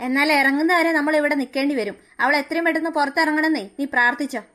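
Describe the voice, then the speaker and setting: A woman's voice: sits high, racing, a bit bright. A woman voicing a bossy young man in a cartoon, ordering his friend around. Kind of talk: cartoon voice acting.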